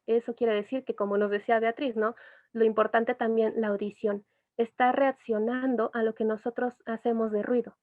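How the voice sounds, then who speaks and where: Woman explaining, tinny phone-like sound. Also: on the high side. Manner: patient, explains with asides and imitated baby sounds. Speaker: educational psychologist. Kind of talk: explanatory online talk.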